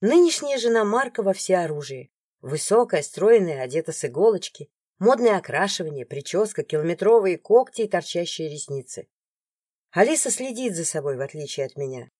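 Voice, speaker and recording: Expressive woman narrating an audiobook. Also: fairly low pitch, moderate pace, breathy edge, no room sound, clean studio sound. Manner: expressive, emotional reading. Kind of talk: first-person scripted narration.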